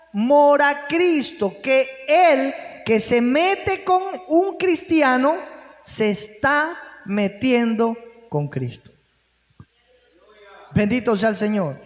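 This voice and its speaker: A man's voice: very high voice, fairly bright tone. A male pastor preaching a sermon, posing rhetorical questions and breaking in with exclamations of praise. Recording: long hall reverb.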